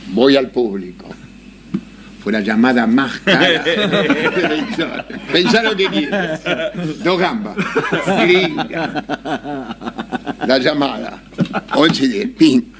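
A man's voice: mid-range voice, expressive, slow, pauses often, a loud crowd. A man with an Argentine accent telling a casual anecdote, laughing often and acting out the voices of people in his story. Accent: Argentine Spanish.

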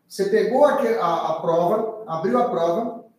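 A man's voice: high voice, a little slow, darkish tone. A man teaching a live online exam-prep class in a chatty, informal way, often tagging sentences with a questioning 'tá?'. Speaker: law teacher. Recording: very echoey room, far from the mic.

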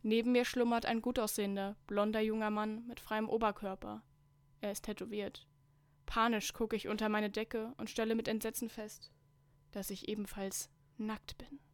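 Young woman, podcast co-host, mocking fanfiction reading, middle pitch, dry recording. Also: level tone, normal speed, clean tone, no echo. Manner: mocking, skips passages with "bla bla". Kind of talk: reading fanfiction aloud with commentary.

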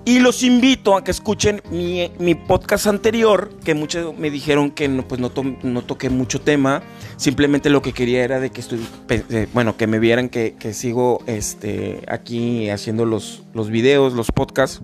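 A man's voice: medium pitch, steady tone, moderate pace, soft background music. A man hosting a podcast in casual chat, rambling with many fillers and restarts. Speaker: podcast host.

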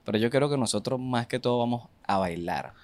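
A man's voice: mid-range voice, a little fast, a little mellow. A young man with a Venezuelan accent co-hosting a casual podcast, mostly adding short remarks and agreeing. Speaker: podcast co-host. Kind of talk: casual chat.

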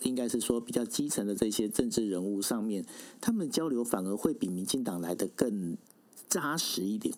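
A man's voice: medium pitch, darkish tone. A man with a Taiwanese Mandarin accent hosting a conversational political interview, explaining at length and checking for agreement. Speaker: interviewer, host.

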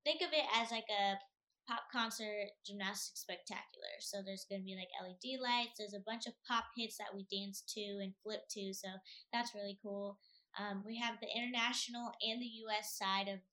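Bright-voiced chatty young woman. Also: mid-range voice, normal speed. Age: young adult. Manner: chatty, animated, lots of filler "like". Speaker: athlete guest. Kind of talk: casual interview answers.

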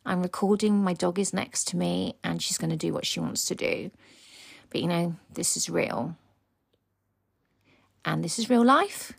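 A woman hosting a motivational coaching podcast from home, speaking earnestly and dropping into soft whispers for emphasis. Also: fairly low pitch, measured pace, vocal fry, long pauses, slightly rough, no echo, clean studio sound. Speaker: podcast host and embodiment coach. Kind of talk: motivational solo podcast talk. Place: home, with her dog beside her.

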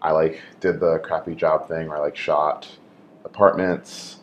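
Laid-back deep-voiced man chatting. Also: little pitch movement, unhurried. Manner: laid-back, joking, lots of fillers. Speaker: podcast guest, photographer. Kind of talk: casual conversation. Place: his home in Brooklyn.

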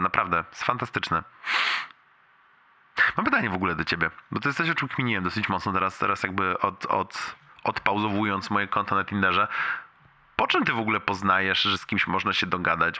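Bright-voiced, low young man leaving a rambling voicemail. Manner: rambling, colloquial, heavily sweary storytelling; amused, wincing with pain as he talks. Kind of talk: leaving a casual voicemail to a friend.

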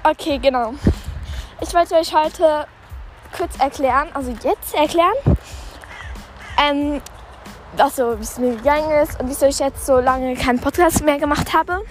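A young woman talking casually while jogging, recording a rambling, halting podcast monologue in which she often corrects herself. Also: high-pitched. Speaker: podcast host. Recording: background music bed. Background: background music.

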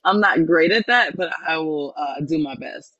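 A woman from New Orleans, a spiritual life coach, telling her life story in an earnest, reflective way with many pauses and ums. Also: low-pitched, pushed and bright, no echo, highs cut off. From New Orleans, Louisiana. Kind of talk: personal storytelling in an interview.

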